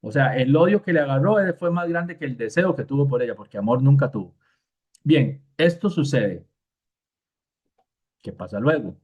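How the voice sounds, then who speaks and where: A man giving a conversational Bible lesson in an informal manner. He fills pauses with "este" and briefly acts out the lines he quotes. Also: mid-range voice, expressive. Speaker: Bible teacher. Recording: tinny phone-like sound.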